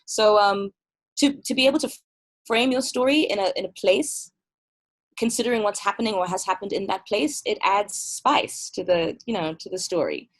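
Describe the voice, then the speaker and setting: A woman from Malawi, a music festival curator, speaking as a guest in a casual interview. She talks in a thoughtful, measured way over a video call. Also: mid-range voice.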